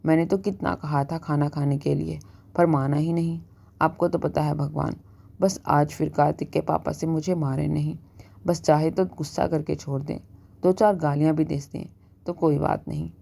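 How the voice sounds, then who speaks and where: A woman's voice: low voice, fairly even intonation, moderate pace, vocal fry, mellow. A woman as a frightened young daughter-in-law. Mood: pleading. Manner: pleading, fearful.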